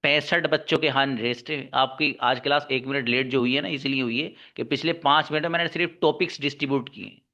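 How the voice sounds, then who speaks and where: A man's voice: medium pitch, fairly even intonation, brisk, few pauses, sharp tone. A male English teacher lecturing his class, scolding and exhorting his students to work hard. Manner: scolding, exhorting, calls students son and daughter. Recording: dull lo-fi recording.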